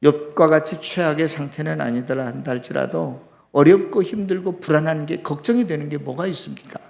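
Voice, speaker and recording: A man's voice: a little high, fairly quick, gravelly, a little mellow. A man preaching a sermon as pastor, impassioned, acting out complaints and putting questions straight to the congregation. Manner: impassioned, acts out complaints to God in raised voice; asks the congregation questions directly.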